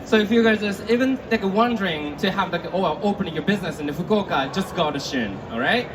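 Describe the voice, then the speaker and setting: Upbeat high-voiced male panel moderator. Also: expressive, a little fast. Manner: upbeat, cheering guests on. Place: conference stage. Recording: distant mic in a noisy event hall.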